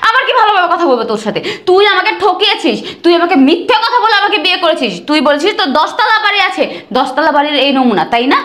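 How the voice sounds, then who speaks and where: A high-voiced, arrogant rich bride, played by a young woman in a short drama, rattling off sneering insults at speed. The room is echoey. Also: very animated, fast talker, fairly bright tone, full character voice. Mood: contemptuous.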